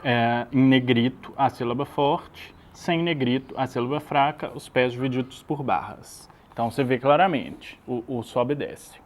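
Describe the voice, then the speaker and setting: A man's voice: medium pitch, normal speed, hardly any pauses, low-quality recording. A man teaching an English lesson, explaining patiently and checking that his student follows.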